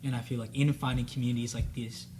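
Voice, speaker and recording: This young adult student panelist, a man whose first language is Spanish, is a fast talker with a flat, medium-pitched voice. He speaks earnestly and reflectively in a casual discussion, using lots of fillers, with background noise present.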